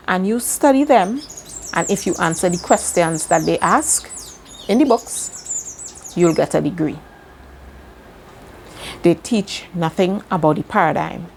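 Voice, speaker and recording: A little hiss or hum sits under the creaky, slightly mellow, lowish voice of a woman from Trinidad and Tobago. Hosting a self-help video, she delivers a slow, earnest motivational lesson and repeats key words to drive them home.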